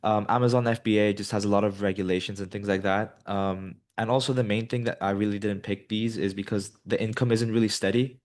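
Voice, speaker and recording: Speaking fairly quickly with hardly any pauses, this guest, a Colombian man in his twenties who studies business, gives casual, rambling interview answers full of ums and you-knows. His pitch sits fairly low.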